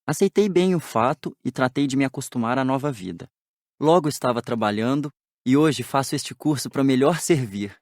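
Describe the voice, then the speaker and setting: A man voicing a cheerful dead man who tells the story of his own death with lively, joking asides in an audiobook drama. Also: mid-range voice, normal speed, no echo, clean studio sound, close to an everyday voice.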